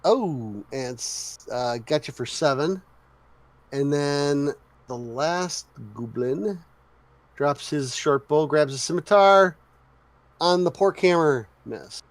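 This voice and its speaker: Man, game master, tabletop narration, slightly high voice, dry close sound. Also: expressive, slow pace, no echo.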